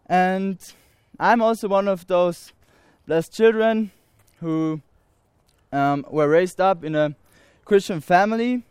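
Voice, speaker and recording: A nineteen-year-old Austrian man with an Austrian German accent gives an earnest personal testimony to an audience, his English halting and full of pauses and restarts. His voice is high-pitched and clean, captured dry with studio quality.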